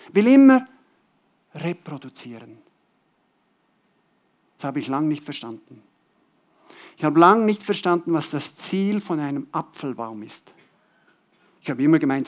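A man preaching a sermon to a congregation, repeating key words and swinging between loud, stressed phrases and soft drops. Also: fairly high pitch.

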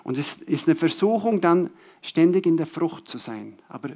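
A man preaching to his congregation in a fairly high voice. He hammers key words through repetition, pushes some phrases out loudly and lets others fall away almost to a murmur. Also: expressive, moderate pace. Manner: emphatic, swinging between loud stressed words and soft drops; repeats key words for emphasis. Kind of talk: sermon to a congregation.

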